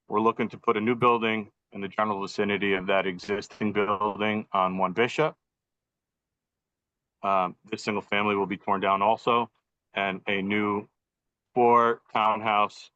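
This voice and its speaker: A male engineer speaks through a video call, his voice lowish yet bright and forceful. The audio is dull and lo-fi, dry with no room sound. He presents formally and methodically, with the odd um. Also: no room sound. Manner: methodical, walking through a plan with frequent ums. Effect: on a video call over poor Wi-Fi. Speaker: professional engineer presenting a site plan. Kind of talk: formal presentation at a public meeting. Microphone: computer audio on a video call.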